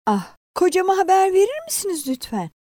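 A woman's voice: extremely high pitch, huge pitch swings, fairly quick, dark tone, dry recording, clean studio sound, voice pushed up, full character voice. A woman voicing a frightened young wife who pleads tearfully and insists she is right. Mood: anxious.

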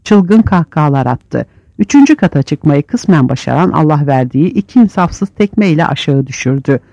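A man narrating an audiobook with vivid, expressive reading. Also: fairly high pitch, moderate pace, creaky, no room sound. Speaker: audiobook reader.

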